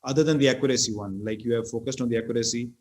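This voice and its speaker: Moderating a conference Q&A through his laptop mic on a video call, a middle-aged Pakistani session chair keeps a steady, measured pace. He speaks in a mid-range voice, with many "uhs" and phrases he repeats.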